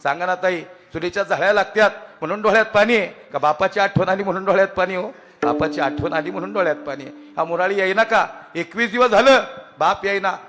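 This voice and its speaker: High-voiced preacher ringing through a hall. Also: male voice, fast. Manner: emotive storyteller, addresses listeners directly, swells into loud chanting. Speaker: kirtan preacher. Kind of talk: devotional kirtan sermon with storytelling. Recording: long reverb of a large hall.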